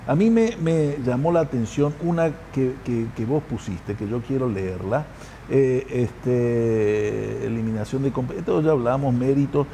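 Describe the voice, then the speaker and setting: Halting, mellow-voiced male talk host. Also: medium pitch, a little hiss or hum. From grew up partly in Argentina and Ecuador. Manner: halting, many fillers and restarts. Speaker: radio talk show host. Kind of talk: casual studio conversation.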